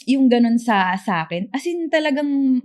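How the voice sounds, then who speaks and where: A young woman in her twenties from the Philippines, co-hosting a podcast in casual chat, soft-spoken and hesitant. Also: sits high, expressive, moderate pace. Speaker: podcast co-host.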